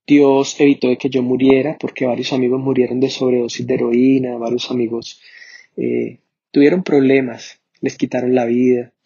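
A man tells his testimony in an earnest, even delivery with little rise and fall. His voice is husky and warm, and the recording sounds dull and lo-fi. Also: mid-range voice, moderate pace. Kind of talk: personal testimony.

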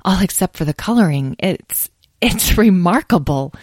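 A woman's voice: fairly low pitch, animated, moderate pace, a little mellow, no echo. A woman voicing a young dragon expert who speaks in a gushing, breathless way. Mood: eager, soft.

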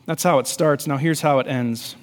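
A man in his thirties preaching a sermon as pastor, swinging between hushed softness and loud emphasis. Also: a little high, moderate pace. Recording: long reverb of a large hall.

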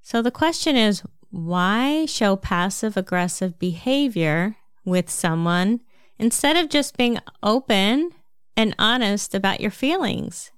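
A woman with a New Jersey accent giving a calm, measured self-help talk, explaining things step by step. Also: mid-range voice, clean tone, dry recording, clean studio sound.

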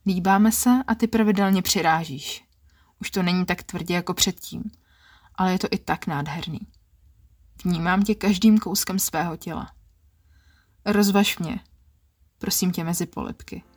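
A woman with a low, husky voice narrates an erotic story in the first person. Her delivery is quiet and intimate. The sound is close and dry. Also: dry recording. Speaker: podcast narrator.

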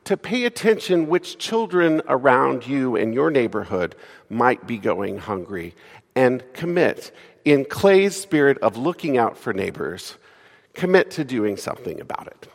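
A man's voice: mid-range voice, very animated, a little slow, vocal fry. A man officiating a memorial service in a cathedral, giving welcomes and announcements in a courteous, orderly funeral-director manner. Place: large cathedral interior. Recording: reverberant church hall.

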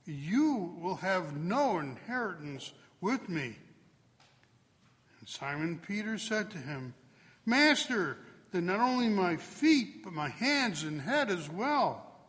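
A man, a priest or deacon, reads a Gospel passage at Mass in a slow, solemn, deliberate way. He sounds like he is in a large church. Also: fairly bright tone. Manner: slow, deliberate reading with wide swings in pitch. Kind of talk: solemn liturgical Gospel proclamation. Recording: long reverb of a large church.

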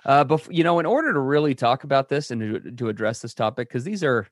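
A man co-hosting a podcast, talking in a casual, energetic way with fillers and restarts. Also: mid-range voice, fast, dry recording, studio quality. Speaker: podcast co-host.

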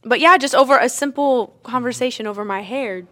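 A young adult woman hosting a podcast, telling stories and asking questions with enthusiastic, animated energy. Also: fairly high pitch, a little fast. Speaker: podcast host. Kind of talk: casual chat.

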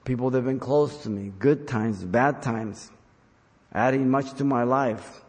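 An older pastor preaches a sermon with scripture reading to his congregation, earnest and exhorting, repeating phrases to drive them home. His medium-pitched voice is unhurried and a little mellow. The long reverb of a large hall rings around him.

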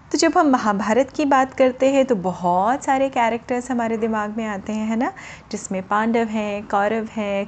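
Soft-spoken lady storyteller for kids, fairly high voice, explains stuff simply, faint hum behind. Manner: gentle, explains words simply, with fillers. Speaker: children's storyteller. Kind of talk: storytelling for children.

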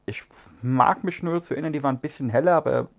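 A man, co-hosting a casual cigar review chat, relaxed and musing with fillers. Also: mid-range voice, fast, vocal fry. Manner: relaxed, chatty, muses with fillers. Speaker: podcast co-host.

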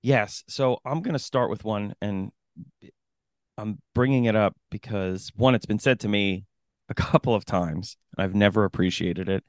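Male coach co-hosting a chat podcast: low-voiced, emphatic, quick to laugh, close dry mic. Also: no echo. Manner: emphatic, laughs often while making a point. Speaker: running coach and podcast co-host. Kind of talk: casual chat.

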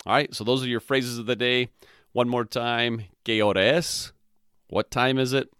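A man's voice: medium pitch, level tone, normal speed, fairly bright tone, clean tone, dry recording, clean studio sound. A man hosting a podcast that teaches Spanish, spelling out words letter by letter, repeating phrases and often checking in with "all right?". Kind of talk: slow, methodical language lesson.

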